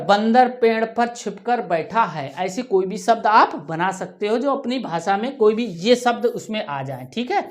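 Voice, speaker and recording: A woman teacher giving a workbook lesson to young children, saying each word slowly and then repeating it for the class to echo. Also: medium pitch. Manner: talks children through writing tasks, often ending with "ठीक है". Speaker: primary school teacher.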